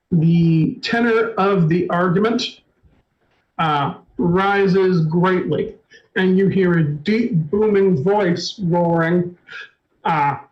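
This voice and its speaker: A man narrating a tabletop game as storyteller, halting, with many fillers and restarts. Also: high-pitched, dull audio.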